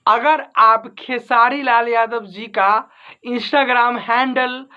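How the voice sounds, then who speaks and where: A YouTube host with a very high-pitched voice offers informal entertainment news commentary, repeating and rephrasing his points for emphasis. He talks very slowly in a steady, clear, resonant tone, though the sound is lo-fi.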